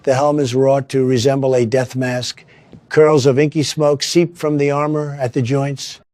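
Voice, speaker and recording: A man narrates a tabletop game as dungeon master. His delivery is steady and flat. The sound is close and dry. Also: medium pitch, moderate pace, no room sound.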